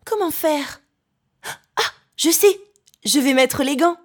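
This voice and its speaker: A woman voicing a kind little girl in a storybook reading, with a bright, childlike delivery. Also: high-pitched, animated, slow. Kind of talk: storybook narration.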